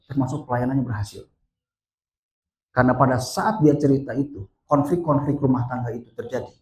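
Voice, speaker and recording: A man preaching a sermon and telling a story, swinging between quiet and loud passages. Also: mid-range voice. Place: church hall. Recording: echoey church hall from a distance.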